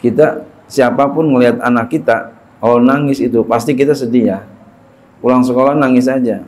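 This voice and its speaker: A man's voice: mid-range voice, steady tone, fairly quick, a little mellow. A middle-aged man giving a casual religious lecture, speaking colloquially, repeating phrases and chuckling through his stories. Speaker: Islamic preacher teaching a classical book.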